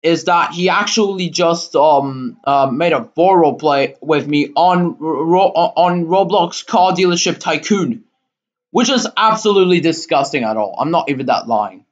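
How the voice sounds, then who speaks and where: A man hosting his own channel, delivering an indignant, rambling rant full of fillers and halting restarts, with sudden outbursts. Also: a little high, expressive. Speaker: channel host. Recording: dull lo-fi recording.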